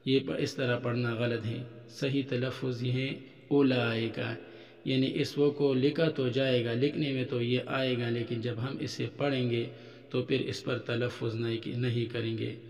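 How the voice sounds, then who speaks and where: A man's voice: medium pitch, little pitch movement, unhurried, darkish tone. A man teaching an Arabic lesson, patiently explaining each point and drawing out the example words. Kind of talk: recorded religious-school lesson. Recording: roomy hall echo.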